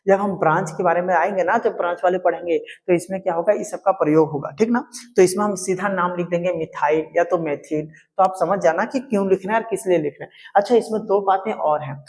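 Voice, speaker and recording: A man teaching a class lesson at a board, who often repeats key terms and quizzes his students with questions. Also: sits high. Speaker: science teacher.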